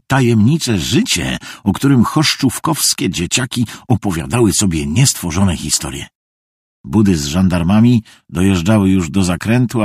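Husky, expressive male storyteller. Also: fairly low pitch, dry recording, clean studio sound. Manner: expressive storytelling, acts out the scenes. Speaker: narrator. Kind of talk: scripted audiobook narration.

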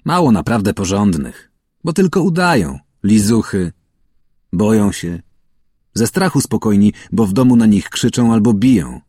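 A man reading a children's story aloud with expressive narration, acting out the characters' calls and shouts. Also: lowish voice, normal speed, slightly rough, no room sound, clean studio sound. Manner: acts out calls and shouts, varies voice widely. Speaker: audiobook narrator.

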